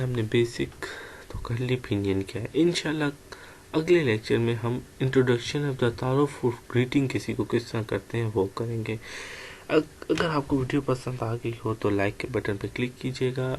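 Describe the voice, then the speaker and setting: A man giving an online language lecture, explaining letters and sounds one by one in a slow, patient way. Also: mid-range voice, darkish tone, a little hiss or hum. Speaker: language teacher.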